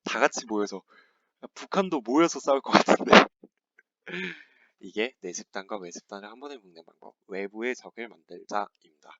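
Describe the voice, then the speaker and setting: A young man giving a class presentation, lively and playful, acting out little scenes with a teacher and students. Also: fairly low pitch, normal speed, no echo. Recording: dry, dull lo-fi sound.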